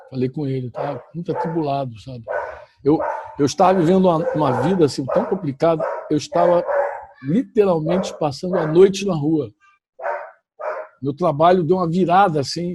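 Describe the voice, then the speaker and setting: A man's voice: a little high, normal speed, very noisy. A middle-aged male pastor from Brazil tells a personal testimony to his church audience. He speaks emphatically and repeats himself, often correcting his words as he goes. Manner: emphatic, repetitive storytelling with self-corrections.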